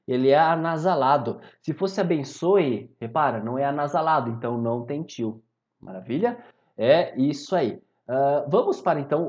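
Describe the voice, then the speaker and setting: A man with a Brazilian accent teaching grammar in a video lesson, often checking in with his students. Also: fairly high pitch. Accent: Brazilian Portuguese. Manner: animated, repeats "maravilha?" and "tá?" to check in with students.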